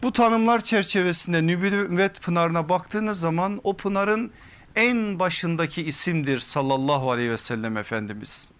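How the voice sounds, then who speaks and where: A man preaching from a pulpit microphone, giving an earnest, measured religious lesson that builds to emphatic repeated phrases. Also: high-pitched, a bit bright, clear, resonant tone. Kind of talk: sermon-style lecture. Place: pulpit in a mosque or lecture hall.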